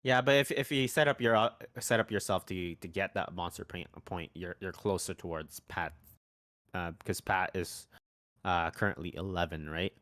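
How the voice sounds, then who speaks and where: A man with a lowish voice talks through a tabletop wargame match as a commentator. He is relaxed and hesitant, filling gaps with ums and restarting sentences, and he laughs easily. His voice sounds close and dry, with no room around it. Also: normal speed, no room sound. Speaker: tournament commentator. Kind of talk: casual live game commentary.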